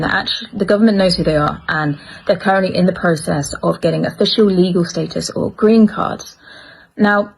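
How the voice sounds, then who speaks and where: A woman commentator explaining the news in a measured, explanatory way. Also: on the low side, vocal fry, a little hiss or hum, rough recording.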